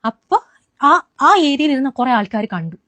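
A young woman from Kerala, India, relates an incident she lived through, speaking in a high-pitched voice. Her first-person retelling is rapid and lively, full of restarts, and the audio has no echo.

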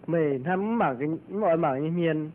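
A man's voice: on the high side, extremely slow. A man acting in an amateur drama, chatting casually. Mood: chatty. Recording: tinny phone-like lo-fi.

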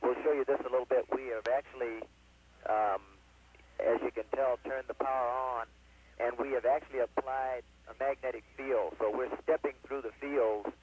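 A male astronaut talking over the mission radio, matter-of-fact and halting with fillers as he explains things. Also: medium pitch, steady tone, breathy edge. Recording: tinny radio downlink.

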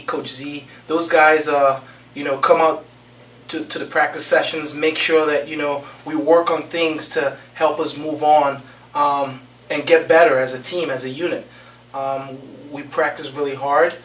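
A young man, a soccer forward, answering post-game questions in an earnest, steady way, repeating phrases and restarting often, into a handheld mic in a small office. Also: on the high side. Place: small office with trophy shelves, indoors. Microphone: handheld mic held out by interviewer. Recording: echoey room, mic a bit far, faint noise.

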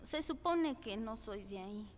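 A woman's voice: on the high side, lively intonation, normal speed, slight background noise, natural voice. Woman as hesitant young cartoon heroine, echoing hall. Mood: gently reassuring. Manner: hesitant, soft-hearted. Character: anxious, gentle, caring young woman in cartoon.

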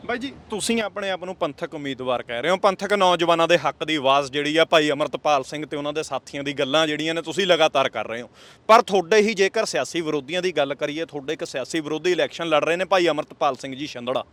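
A man interviews a candidate, posing long, measured questions with formal courtesy. His voice is slightly high and sits close and dry on the mic. Between questions he offers soft murmured acknowledgements. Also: dry recording. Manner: formal, respectful address, frequent murmured backchannels.

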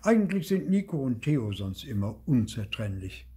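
An older man reading a children's story aloud in a lively, expressive way, with a husky voice. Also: medium pitch, normal speed. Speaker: storybook reader.

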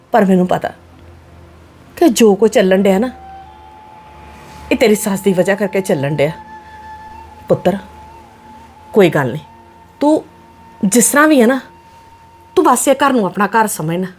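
A woman with a Punjabi accent playing a worried mother who pleads earnestly with her married daughter. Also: fairly high pitch. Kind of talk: family drama acting.

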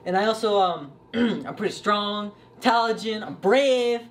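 A man's voice: sits high, animated, a little slow. A young man playing a boastful, self-absorbed and rather dim warrior hero in an amateur comedy sketch. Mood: casual bragging. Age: young adult.

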